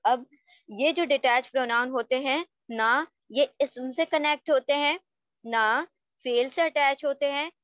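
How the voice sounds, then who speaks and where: A woman's voice: sits high, a bit bright, dry recording. A woman teaching an Arabic grammar lesson, patiently drilling word tables aloud for students to repeat and often checking that they follow. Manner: checks understanding with frequent rhetorical questions. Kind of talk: online language lesson. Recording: dull, lo-fi dry recording.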